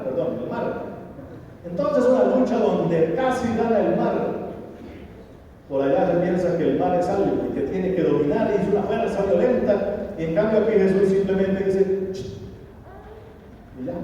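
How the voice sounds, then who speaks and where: A man's voice: high voice, dark tone, a little hiss or hum. A man giving a homily as a priest, conversational and full of rhetorical questions. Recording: echoey church hall, distant, dull.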